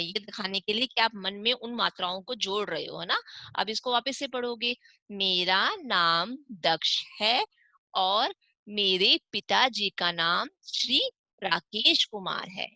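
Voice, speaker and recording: Woman teacher for young kids, very slow and deliberate, breaks words into syllables and quizzes the class. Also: medium pitch, creaky, pushed and bright, no room sound. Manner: slow, syllable-by-syllable reading with frequent questions to pupils. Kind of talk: online class for young children.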